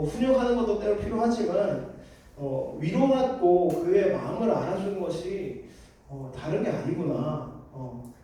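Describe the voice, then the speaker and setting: A male pastor in his thirties preaches with a high but mellow voice, telling stories earnestly and turning often to address his listeners. He sounds far from the mic in a very echoey hall with a faint hiss behind him. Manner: earnest, storytelling, addresses congregation directly. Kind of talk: sermon.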